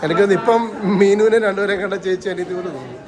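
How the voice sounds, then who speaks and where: A vlogger talking fast in a mid-range voice, tossing out quick questions and comments. A loud crowd fills the space behind. The delivery stays loose, chatty and off the cuff. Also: mid-range voice, animated. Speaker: vlogger filming the event. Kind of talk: casual vlog chatter.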